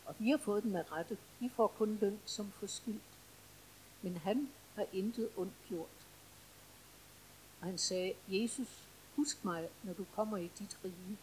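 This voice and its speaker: A woman reading scripture aloud in a steady, careful way. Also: mid-range voice, slight background noise, rough recording. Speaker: scripture reader.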